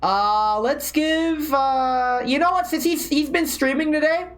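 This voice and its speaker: A woman's voice: high voice, unhurried. A woman game streamer reading a story aloud and adding casual commentary.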